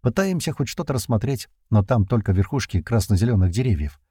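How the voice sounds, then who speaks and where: Guy reading an audiobook, low warm voice, dry close mic. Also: big pitch swings, a little fast, breathy edge, dry recording. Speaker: audiobook narrator. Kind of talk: first-person audiobook narration.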